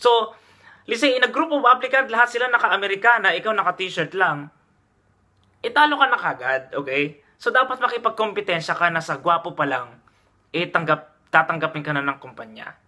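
A chatty man from the Philippines, talking straight to his viewers in a casual vlog. His voice sits high and sounds very bright and forceful, and he keeps checking in with a quick "okay?". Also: expressive. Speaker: vlogger giving job tips. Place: Dubai.

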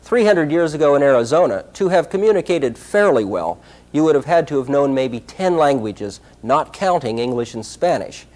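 A man giving scripted documentary narration in a measured, explanatory way. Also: fairly high pitch, expressive, a little mellow.

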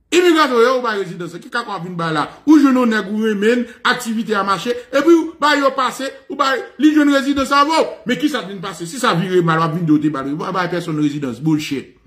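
A man with a Haitian accent giving an animated, ranting commentary, switching between languages, swearing and laughing. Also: high voice. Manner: ranting, mixing Creole, French and English, with profanity and laughs.

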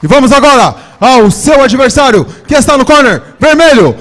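A Brazilian man delivers a grand entrance announcement at a cage fight. His voice is very high for a man and booms out as a ring announcer's does, with drawn-out emphasis through a handheld mic. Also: very animated. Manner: booming, drawn-out shouts of fighters' names. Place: indoor fight cage in an event hall. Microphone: handheld microphone.

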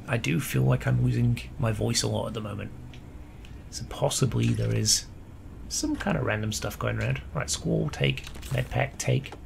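A male gamer with a mid-range voice and noticeable vocal fry chats casually through a let's play, reading notes aloud as his voice starts to give out. Game music plays in this gameplay video, with a little hiss or hum.

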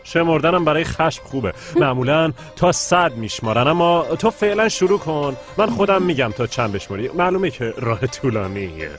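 A man's voice: fairly high pitch, lively intonation, hardly any pauses, soft background music, lightly acted. A man dubbing a playful young man in a TV comedy drama, talking in a coaxing, mock-soothing way.

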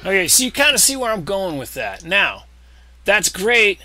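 A man giving a casual, profane screen-recorded tutorial on music software, explaining settings step by step. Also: sits high, very animated, normal speed.

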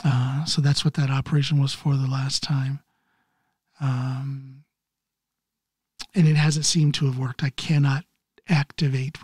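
A man in his early fifties from Ohio, hosting a solo podcast while recovering from neck surgery, talking haltingly and clearing his throat often. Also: mid-range voice, darkish tone, no echo, clean studio sound. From Ohio, USA. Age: 50s. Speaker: podcast host. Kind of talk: casual solo podcast monologue.

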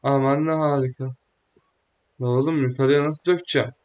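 Excitable young man doing game commentary. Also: mid-range voice, a little fast, lo-fi sound. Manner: joking, excitable, slangy, talks to the game. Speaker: gaming YouTuber. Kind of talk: casual let's-play commentary.

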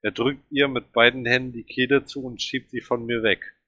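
Ein Mann liest einen Roman dramatisch und angespannt vor. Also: male voice, medium pitch, level tone, moderate pace, pushed and bright, no room sound, muffled recording. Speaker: reader. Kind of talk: reading a novel aloud.

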